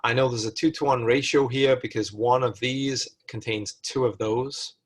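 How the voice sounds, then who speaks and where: A man's voice: medium pitch, steady tone, moderate pace, slightly rough. Man talking through chemistry problems. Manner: thinks aloud, corrects himself mid-sentence. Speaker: chemistry lecturer. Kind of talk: recorded lecture walkthrough.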